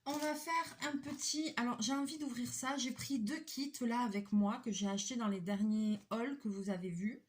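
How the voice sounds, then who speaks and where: A woman's voice: mid-range voice, darkish tone, a little hiss or hum. A middle-aged woman from the French Basque Country, chatting casually and rambling with many fillers as she unboxes a craft kit at home. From Basque Country, France. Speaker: craft vlogger.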